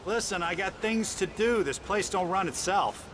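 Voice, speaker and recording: Man playing a high-voiced folksy American park manager. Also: normal speed, noisy background, lightly acted. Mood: plain, hurried. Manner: folksy, plain-spoken. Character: folksy, grumbling male trailer park manager. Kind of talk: video game character dialogue.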